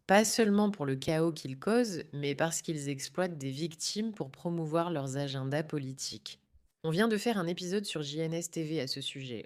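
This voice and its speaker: Low-voiced woman hosting emphatic commentary. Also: a little mellow. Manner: emphatic, indignant. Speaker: commentary show host. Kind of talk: opinionated political commentary.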